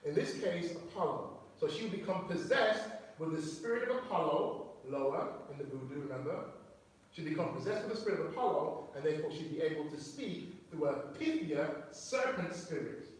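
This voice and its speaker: In a church hall, a man teaches a sermon to his fellowship, explaining words, reading quotes aloud and asking the listeners questions. His fairly high voice has lively intonation at a normal speed. The room is very echoey, the mic far off, with faint noise.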